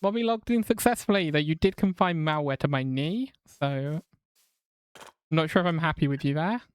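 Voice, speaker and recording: Chatty and casually profane, an English woman streams a game and reads chat aloud, her accent a mix of southern and northern England. She speaks at normal speed in a low voice with lively intonation, and the tone is clean with no room sound.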